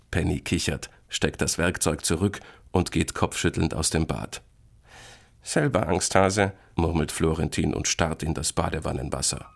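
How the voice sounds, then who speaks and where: A man narrating a children's audiobook in an expressive storytelling manner. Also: low-pitched, creaky, slightly rough.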